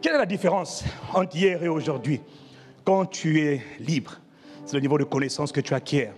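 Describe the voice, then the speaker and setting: A man's voice: fairly high pitch, normal speed, a little mellow, long reverb tail, faint music behind. A man preaching a sermon as pastor, emphatic and calling out to the congregation. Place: church.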